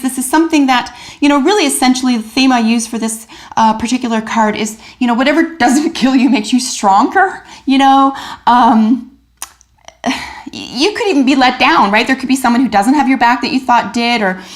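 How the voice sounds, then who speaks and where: Tarot reader, woman, slightly high voice, excited and chatty, lots of ums and restarts. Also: moderate pace. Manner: animated, enthusiastic, many fillers and restarts. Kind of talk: general tarot reading to camera.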